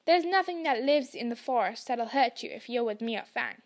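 A woman voicing a huge, gruff, kindly male gamekeeper who talks bluntly. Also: fairly high pitch, animated, moderate pace.

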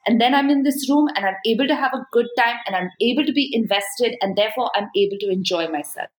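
A woman's voice: on the high side, fast, roomy sound, rough recording. A woman with an Indian accent explaining things conversationally and emphatically, often acting out imagined dialogue.

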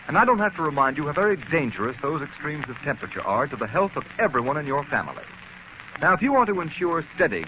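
Upbeat old radio commercial guy, kinda high voice, very animated sales pitch, hissy old recording. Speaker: radio announcer and sponsor pitchman. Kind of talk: old-time radio commercial announcing, like a mid-century ad. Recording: muffled, noisy vintage radio recording.

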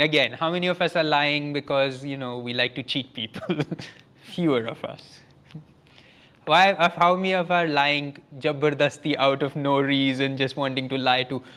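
A man giving a spiritual yoga lecture, earnest and often laughing, dropping to a soft hush for emphasis. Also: fairly high pitch. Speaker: yoga teacher.

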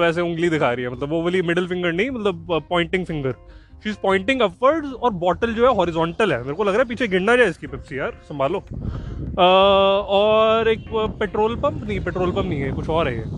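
A young male podcast host jokes and rambles while describing a car showroom outdoors, mixing Hindi with English in chatty walk-and-talk commentary. His voice is high with a fairly bright tone.

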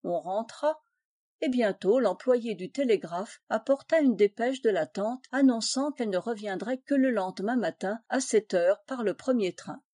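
A woman narrates a classic tale in an audiobook reading, with a measured, expressive delivery. Her voice is mellow and relaxed, recorded dry and close with no room echo. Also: fairly high pitch. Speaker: audiobook reader.

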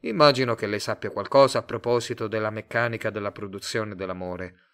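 A man reading a story aloud, voicing a cold, bland male agency director who speaks calmly and condescendingly. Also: a little fast, clear, resonant tone. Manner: calm, low, coolly condescending.

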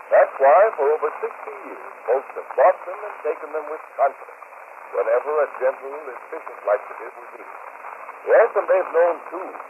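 A male radio announcer giving a formal, smooth 1940s-style introduction and sales pitch on an old radio broadcast. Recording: tinny, hissy vintage radio recording.

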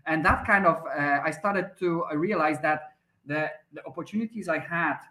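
His voice runs on the high side, pushed and bright, at a normal speed. He's a thirty-something podcast guest from Poland with a Polish accent, giving a lengthy, hesitant interview answer riddled with restarts and fillers in an echoey, roomy recording.

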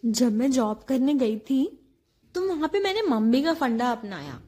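A woman's voice: high voice, very animated, unhurried, mellow, husky. A woman in her thirties telling comic housewife stories in a chatty, exasperated way. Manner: chatty, exasperated storytelling with acted-out quotes. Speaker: housewife comedian. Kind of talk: comic monologue.

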